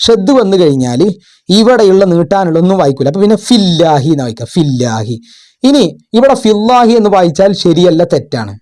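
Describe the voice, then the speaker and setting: A man tutoring children and parents, going through exam questions in a patient way, asking questions and repeating words slowly. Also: high-pitched, sing-song, warm tone. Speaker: madrasa tutor. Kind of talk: explaining exam answers.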